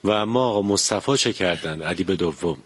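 A man's voice: sits low, breathy edge. A man hosting a story-writing contest who announces each entry courteously. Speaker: contest host. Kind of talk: radio-style contest hosting.

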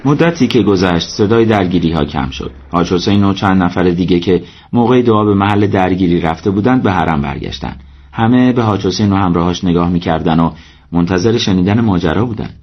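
A man reading a story aloud as narrator, steady and measured. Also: deep voice, husky, dull audio. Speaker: audiobook narrator. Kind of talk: scripted narration.

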